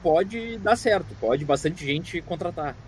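A man's voice: sits high, animated, unhurried, darkish tone, slight background noise. A man giving his opinion in a casual podcast chat.

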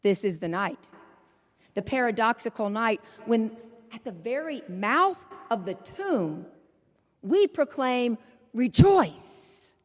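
Woman preacher at a pulpit mic, higher voice, unhurried delivery, long church reverb. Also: big pitch swings. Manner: measured, rhythmic preaching with repeated refrains. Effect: preaching into a pulpit microphone. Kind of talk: Easter Vigil sermon. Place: large church.

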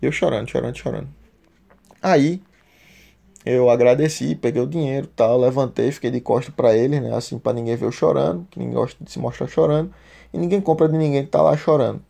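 Very gravelly man. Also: medium pitch, fairly quick, mellow. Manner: emotional, slangy, heartfelt retelling. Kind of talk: casual personal storytelling.

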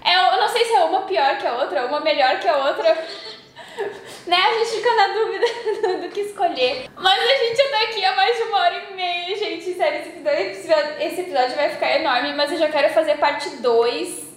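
A woman's voice: extremely high pitch, normal speed, a little hiss or hum. A woman hosting a casual podcast chat, laughing along as she wraps up. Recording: very echoey room.

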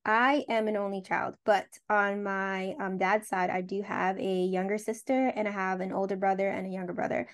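A woman's voice: mid-range voice, little pitch movement, normal speed, hardly any pauses. A young woman talks casually as a podcast co-host. Her delivery is chatty and conversational, with plenty of "like" and "you know" threaded through it. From Queens, New York. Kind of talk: casual chat.

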